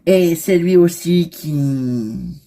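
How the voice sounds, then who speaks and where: A formal male clerk apologetically explains things in a low, slow voice in a toy-figure soap drama, as a woman acts him out. Faint music plays under the call. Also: noisy background, full character voice. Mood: apologetic. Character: male clerk delivering bad news.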